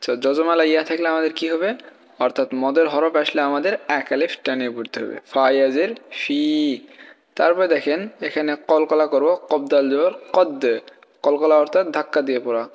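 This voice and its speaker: A man's voice: on the high side, quick pace, in a large hall. A man teaching Quran reading, spelling out each letter and vowel patiently and checking in with the learner. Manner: patient, stepwise, asks rhetorical check questions. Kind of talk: spelling out and reciting verses for learners.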